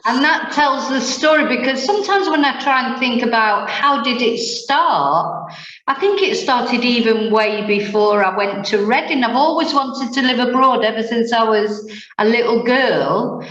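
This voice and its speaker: Her voice is on the high side, animated and fairly bright, and she keeps a measured pace. She's a language teacher in her forties from Manchester, England, with a Mancunian accent, rambling through her story with fillers and small chuckles as a guest in a casual interview. The room echoes and the highs are cut off.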